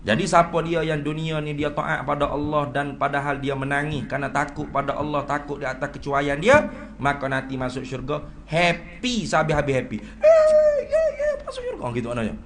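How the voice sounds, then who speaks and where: Animated religious teacher, bright tone. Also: male voice, slight background noise. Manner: reads Arabic text slowly then explains it in lively Malay; animated, swings from loud exclamations to low asides. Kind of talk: classical text lecture.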